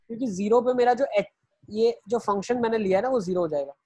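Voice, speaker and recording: A man delivers an online math lesson in a husky voice. He moves through each step slowly and keeps checking in with rhetorical questions. English phrases slip into his teaching. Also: high-pitched, warm tone. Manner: explains step by step, asking and answering rhetorical questions.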